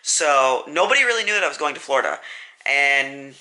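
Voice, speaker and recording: Young guy, casual storytime vlogger, bright voice, rambly and self-correcting. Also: medium pitch, lively intonation, a little fast. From US Midwest.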